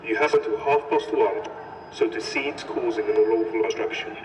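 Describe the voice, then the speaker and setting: Male police announcer, formal and stern, blared through a van loudspeaker; distant, with a long ringing echo. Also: lowish voice, normal speed. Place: outdoors on a city street. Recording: echoey loudspeaker from far off in a noisy street.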